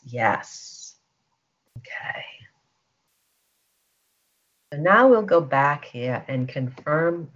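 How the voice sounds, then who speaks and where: Calm unhurried healer guiding a session, muffled lo-fi teleconference sound. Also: mid-range voice. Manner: slow, soothing, leads listeners to repeat statements. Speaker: healing session facilitator. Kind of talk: guided energy-healing session. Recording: dull lo-fi teleconference line.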